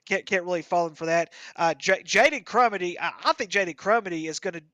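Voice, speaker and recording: A man with a fairly high voice talks football draft picks in a loose, halting way, full of "uh" and "um" and restarted phrases. The sound is close and dry, with no room around it. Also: bright, forceful tone, no room sound. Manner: hesitant, many fillers and restarts. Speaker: co-host. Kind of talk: casual sports podcast chat.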